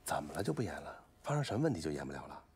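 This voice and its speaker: Hoarse-voiced pushy director, lively delivery, quick talker. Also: male voice, very deep voice, full character voice. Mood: pressing. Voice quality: raspy. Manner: pressing, then shouting orders. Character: pushy male film director on set. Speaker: film director. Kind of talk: film drama acting.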